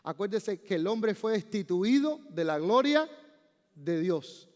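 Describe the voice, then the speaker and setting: Man, pastor, sermon, high voice, emphatic rising delivery, long church reverb. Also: very animated, takes it slowly, a little mellow. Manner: preaching with rising emphatic outbursts. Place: church sanctuary.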